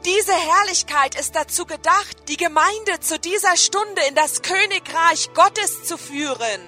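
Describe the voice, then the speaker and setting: A woman interpreting a sermon phrase by phrase, in short, measured pieces. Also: very high voice, bright, forceful tone, soft background music.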